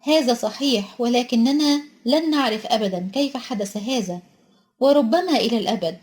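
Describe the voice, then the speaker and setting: A wise old wizard headmaster speaks in a calm, measured storybook voice, as a woman reader puts him on. His manner is serious and unhurried. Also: fairly high pitch, lightly acted. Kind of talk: storybook reading.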